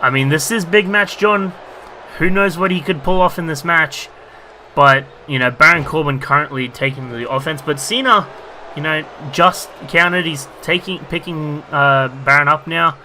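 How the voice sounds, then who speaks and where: Rambling, filler-heavy commentary on a wrestling video game comes from a gaming YouTuber whose very bright, fairly high voice is going strained from overuse. He talks at normal speed, says "you know" constantly, and bursts out excitedly at big moves, with a faint hiss in the background.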